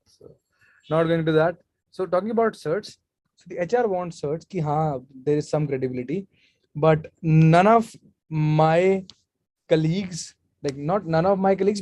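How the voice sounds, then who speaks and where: A man's voice: on the high side, a little mellow. A man, speaking casually as a guest speaker in a live online session and answering questions from the chat. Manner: casual, chatty, off-the-cuff advice.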